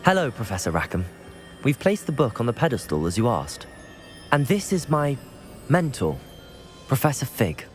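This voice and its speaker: Polite young student wizard, expressive. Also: male voice, mid-range voice, moderate pace, pauses often, soft background music. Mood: composed, respectful. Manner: polite, composed, formal. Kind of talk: scripted game dialogue.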